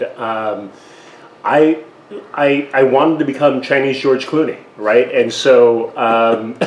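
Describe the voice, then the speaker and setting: Self-deprecating middle-aged man, roomy echo. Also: medium pitch. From Taiwan. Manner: self-deprecating, frequent restarts and laughs. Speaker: guest. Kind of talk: casual interview. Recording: echoey room with faint noise.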